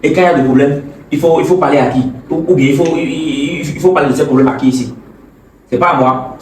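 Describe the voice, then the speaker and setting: A man's voice: fairly high pitch, quick pace, darkish tone, slight background noise, natural voice. A man playing a stern older brother who lectures and scolds, often stammering over words. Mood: lecturing angrily. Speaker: actor in a web skit. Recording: echoey room, far from the mic.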